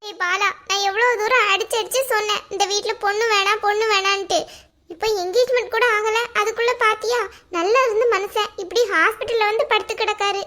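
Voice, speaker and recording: A woman doing a shrill scolding mother-in-law. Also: steady tone, fairly quick, bright, forceful tone. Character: bitter older mother-in-law, sharp-tongued.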